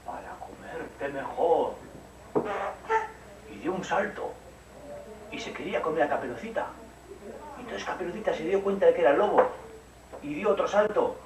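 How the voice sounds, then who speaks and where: A man working as a psychomotor therapist, gently telling a story and playing with a child, often asking questions. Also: sits high, brisk, long pauses, a crowd in the background. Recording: roomy room, distant mic, noisy.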